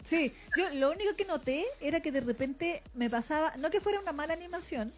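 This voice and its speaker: A woman's voice: high voice, expressive, brisk. A Chilean woman co-hosting a podcast who explains and insists on her points in casual chat. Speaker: podcast co-host. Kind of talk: casual anime review chat.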